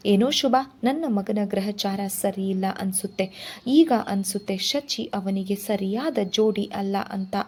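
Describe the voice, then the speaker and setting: A worried older mother-in-law, as a woman narrator puts her on in a spoken storybook. She coaxes softly and sighs over her family, her voice a little husky. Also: mid-range voice, measured pace. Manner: coaxing, sighing.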